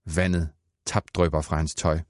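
A man narrating a children's audiobook in a playful, expressive way. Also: rumbling low, dry recording, clean studio sound.

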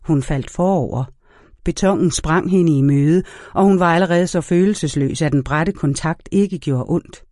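Mellow, dry-voiced male narrator. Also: fairly high pitch, no echo. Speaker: audiobook narrator. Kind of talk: scripted narration.

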